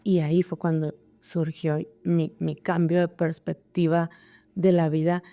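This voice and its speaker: A woman's voice: lowish voice, little pitch movement, measured pace, warm tone, faint music behind. A woman who is an interview guest, telling her life story in an emotional way and repeating words as she remembers. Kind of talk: personal life story in conversation.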